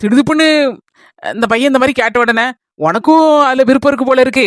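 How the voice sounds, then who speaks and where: A woman acting a motherly village woman in a comedy skit, with a Kanyakumari Tamil accent, calmly explaining. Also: sits high, fast, no echo, lightly acted. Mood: coaxing. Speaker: skit actress.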